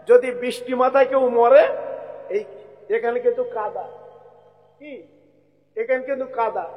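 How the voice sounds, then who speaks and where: A male preacher with a West Bengal Bengali accent gives a sermon to a big open-air gathering, his voice hoarse and pitched very high. He speaks straight to the crowd and keeps calling on them for takbir. The sound has a long, echoing reverb from the loudspeakers. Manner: addresses crowd directly, calls for takbir chants. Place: large outdoor religious gathering.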